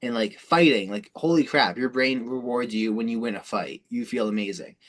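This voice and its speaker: At normal speed and medium pitch, a man hosts a self-improvement call. He explains things casually and off the cuff, wandering informally and swearing frequently.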